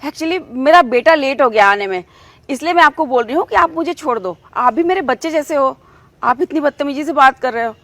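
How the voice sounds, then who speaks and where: A woman's voice: high-pitched, animated, a little fast, fairly bright tone, dry recording. A woman playing a polite middle-aged mother who patiently asks a stranger for help in a short acted skit. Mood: pleading.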